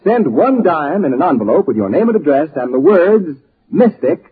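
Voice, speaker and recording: A man's voice: fairly high pitch, big pitch swings, moderate pace, slightly rough. An American man announcing in the dramatic, formal, scripted style of 1940s radio. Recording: muffled old radio recording, faint music behind.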